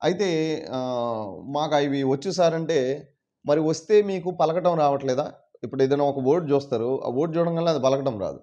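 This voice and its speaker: A man teaching English in a casual video lesson, explaining patiently and repeating words slowly. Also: on the high side, dark tone. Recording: dull lo-fi sound.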